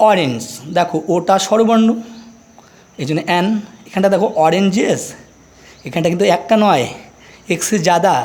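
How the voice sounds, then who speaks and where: Male English tutor, middle-aged, higher-pitched voice, patient step-by-step explanations with quick check questions. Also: a little mellow. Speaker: English teacher. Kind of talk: grammar lesson explaining articles.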